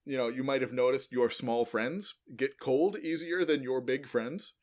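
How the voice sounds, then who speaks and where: A man co-hosting a podcast, explaining things in a loose, informal way and filling pauses with many ums, uhs and likes. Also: mid-range voice, steady tone, darkish tone. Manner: rambling, many ums and uhs, self-correcting; loose and informal, uses "like" often. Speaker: podcast co-host explaining paleontology. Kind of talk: casual educational podcast chat.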